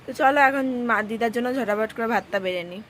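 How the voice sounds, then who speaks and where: A woman's voice: on the high side, fast talker, fairly bright tone, slight background noise. A woman, chatting to viewers in a casual home vlog. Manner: chatty, talks to viewers directly. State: hoarse. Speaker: vlogger.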